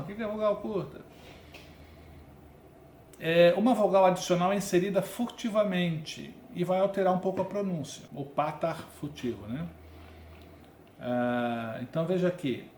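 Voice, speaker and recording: A man's voice: on the high side, a little mellow, slight background noise. A man with a Brazilian Portuguese accent teaching a Biblical Hebrew grammar lesson in a conversational, explanatory way, often checking in with his listeners. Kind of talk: recorded online lesson. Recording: echoey room with faint ambience.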